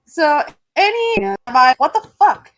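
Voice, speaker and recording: A woman's voice: high-pitched, big pitch swings, measured pace, a bit bright. A woman co-hosting a podcast in blunt, casual commentary, heard over an online call whose connection is breaking up and dropping out. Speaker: podcast co-host. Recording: distant, patchy online call audio.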